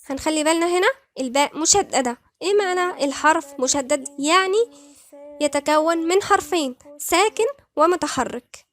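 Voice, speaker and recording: A woman with an Egyptian accent teaching Quran recitation rules, patiently repeating words slowly syllable by syllable. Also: high-pitched. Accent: Egyptian Arabic. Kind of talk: tajweed lesson, slow recitation.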